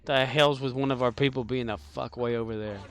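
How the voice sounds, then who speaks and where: A man's voice: medium pitch, fairly even intonation, brisk, fairly bright tone, clear, resonant tone. A man streaming a video game live, talking casually and playfully, echoing lines in silly voices.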